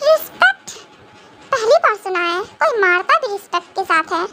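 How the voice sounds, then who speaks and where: A woman's voice: very high voice, animated, fairly quick, very noisy. A woman voicing a sulky, henpecked young mafia husband in a fan audio drama, with a whiny, complaining manner. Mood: grumbling.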